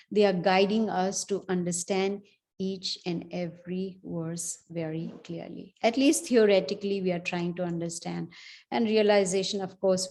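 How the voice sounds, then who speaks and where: Lady teaching a scripture class, mellow voice, chatty, lots of "you know". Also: lowish voice. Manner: conversational storytelling, frequent "you know". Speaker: class speaker.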